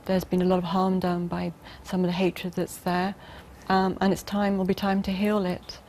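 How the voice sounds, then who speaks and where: A woman's voice: fairly low pitch, moderate pace, slight background noise. A woman guest speaking earnestly and with conviction in a news discussion. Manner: earnest, heartfelt, steady. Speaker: remote guest. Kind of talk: earnest commentary.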